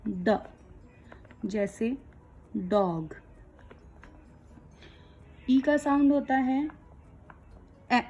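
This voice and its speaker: A woman teaching young children letter sounds, explaining each one slowly and clearly. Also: on the high side, a little mellow, lo-fi sound. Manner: slow, clear, patient explaining. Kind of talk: kids' phonics lesson.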